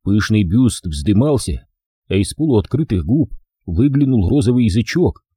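Give me a wry male audiobook narrator with a husky, mellow voice and a lively pitch. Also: normal speed, dry recording. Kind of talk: first-person audiobook narration.

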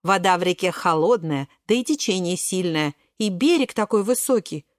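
A woman reading a children's storybook aloud in a playful, animated way. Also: fairly low pitch, moderate pace, dry recording, clean studio sound.

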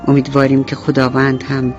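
A woman telling a bedtime story on radio, talking gently and addressing the children directly. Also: rumbling low, completely flat delivery. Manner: gentle, talks warmly to children. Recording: dull radio recording with faint music.

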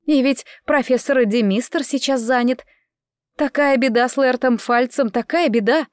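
Casting: a woman doing a chatty, fussing chambermaid in an audiobook, high bright voice, folksy exclamations, dry close sound. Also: moderate pace, no echo, natural voice. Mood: worried. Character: bustling kind-hearted female chambermaid, chatty and fussy.

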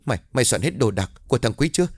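A man's voice: mid-range voice, sing-song, rapid-fire, no room sound. A man voicing a fierce, bossy middle-aged village mother who scolds her children in a harsh, urgent way.

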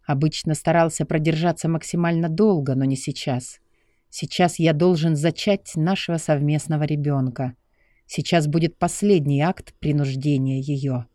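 A man narrating a first-person novel in an intimate, measured reading voice. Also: a little high, dark tone, dry recording, studio quality. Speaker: audiobook narrator.

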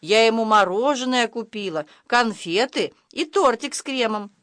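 A woman's voice: a little high, expressive, normal speed, a bit bright, no echo, studio quality, voice pushed up. A woman voicing a mother who speaks in a prim, formal and dismissive way. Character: coldly polite adult mother.

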